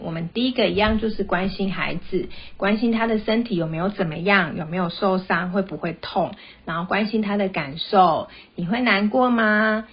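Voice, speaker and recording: A mother hosts a parenting podcast, chatting gently and sharing stories about her kids. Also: mid-range voice, husky. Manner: gentle, chatty, tells personal anecdotes. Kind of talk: casual podcast monologue. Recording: dull, slightly lo-fi sound.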